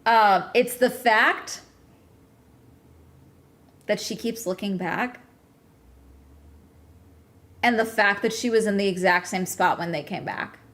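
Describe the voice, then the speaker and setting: A woman's voice: mid-range voice, slow pace, pauses often, a bit bright. A woman streamer reacting to a video in casual, rambling commentary, repeating herself and swearing freely.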